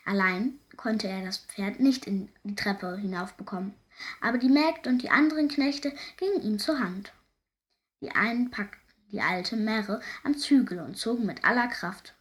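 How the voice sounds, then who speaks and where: A woman narrating a folk fairy tale in a lively, expressive way. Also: medium pitch. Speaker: storyteller.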